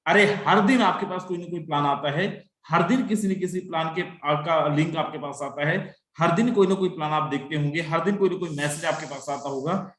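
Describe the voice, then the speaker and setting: A man delivers an online sales pitch over a video call, his voice a touch higher than most. He is persuasive, keeps calling the audience his friend and drops into English phrases. The room sounds echoey. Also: moderate pace, few pauses, fairly bright tone. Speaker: webinar presenter.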